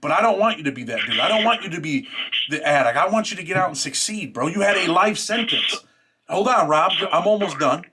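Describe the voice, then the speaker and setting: A man's voice: sits high, lively intonation, a little fast, pushed and bright, slight background noise. A man interviewing in a casual street-talk style, emphatic, slangy and insistent.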